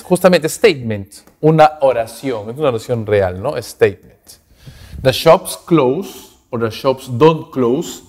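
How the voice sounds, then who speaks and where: A man's voice: mid-range voice, a little mellow. A man teaching English grammar in a recorded class lecture, explaining in Spanish and ending phrases with "¿no?" and "¿ok?". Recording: echoey hall reverb.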